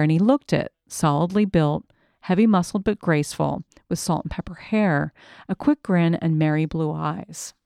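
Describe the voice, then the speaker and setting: A woman reading a first-person memoir aloud in a measured, reflective storytelling manner. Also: fairly low pitch, a little mellow, dry recording, clean studio sound. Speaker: narrator.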